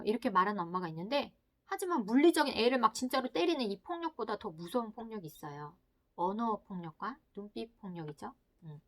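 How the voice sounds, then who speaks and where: Woman, book lecturer on parenting psychology, highish and lively voice, slips into hushed whispered asides. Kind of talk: explanatory book talk.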